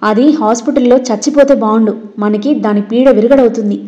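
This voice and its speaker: A woman's voice: on the high side, fairly even intonation, a little fast, mellow, highs cut off, lightly acted. A woman voicing a spiteful, scheming grandmother who speaks with bitter scorn in a storybook reading.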